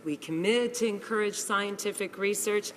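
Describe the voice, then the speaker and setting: A woman's voice: mid-range voice, normal speed, fairly bright tone, a little hiss or hum. A woman delivering a prepared statement in parliament as a government minister. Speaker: government minister answering a question.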